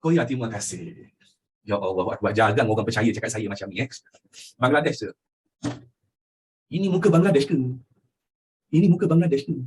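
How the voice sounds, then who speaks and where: A young Malaysian man teaching history with a Malaysian accent, animated and constantly asking his students questions. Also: medium pitch, fairly quick, pauses often, breathy edge. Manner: animated, asks students questions constantly, mixes in English phrases. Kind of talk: lively classroom lecture.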